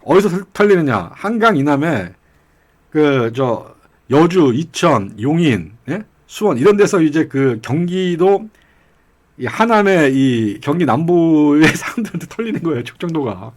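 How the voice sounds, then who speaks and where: A man's voice: on the high side, big pitch swings, unhurried. A middle-aged man giving casual political commentary, telling rambling anecdotes with chuckles along the way. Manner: acts out regional dialect quotes.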